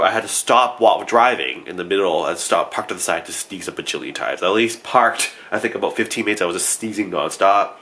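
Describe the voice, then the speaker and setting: A man's voice: deep voice, pushed and bright. A young man chatting casually in a rambling vlog, laughing often and correcting himself, sounding congested from allergies. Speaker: vlogger.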